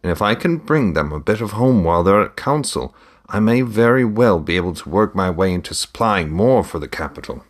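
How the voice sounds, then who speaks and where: In a read-aloud story, a man with a fairly low, animated and brisk voice plays a shrewd older merchant. He haggles with theatrical flair, bargaining dramatically.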